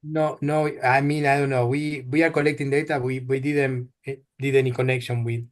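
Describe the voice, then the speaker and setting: A man's voice: medium pitch, flat delivery, brisk. A man with an Argentine Spanish accent, a seminar presenter answering questions hesitantly over a video call. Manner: hesitant, repeating words. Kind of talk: answering questions after a talk.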